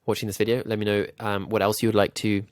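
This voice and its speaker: Fast and flat, a fairly low-pitched man with a nasal, somewhat ill-sounding voice talks through a screen-recorded design tutorial as a YouTube growth coach. He thinks aloud with lots of ums, on a dry recording.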